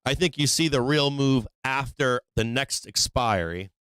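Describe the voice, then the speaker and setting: A sick man, his voice giving out, hosts a casual stock-trading livestream, musing aloud over charts and dropping rhetorical "right?"s. His medium-pitched voice is unhurried, slightly bright, clear and resonant, recorded in a clean studio with no echo.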